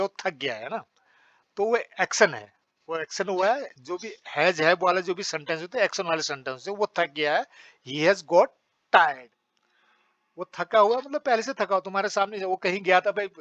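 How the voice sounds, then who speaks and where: A man's voice: high-pitched, a bit bright, no room sound, highs cut off. A man teaching English in a patient, repetitive lesson, often checking that students understand. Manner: explains patiently, repeats phrases, checks understanding. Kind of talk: spoken English lesson in Hindi.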